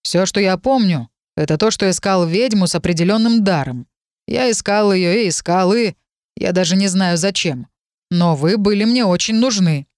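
A woman voicing a calm, curious male dragon who speaks inside the heroine's head, in a matter-of-fact, politely puzzled way. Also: mid-range voice, normal speed, no room sound, studio quality, natural voice. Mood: wistful.

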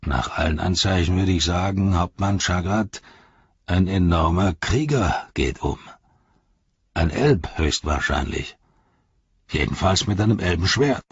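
A man voicing a sly, mocking male orc soldier, speaking slowly and heavily in an audiobook reading. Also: low voice, creaky, breathy edge, no echo, highs cut off, heavily acted. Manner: slow, heavy, sneering delivery.

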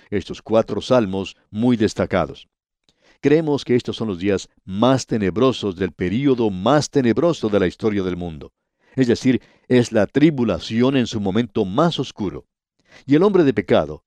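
Low-voiced man teaching the Bible on radio. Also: dark tone, no echo. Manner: measured, deliberate reading of scripture with slowed emphasis. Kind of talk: scripted radio Bible study.

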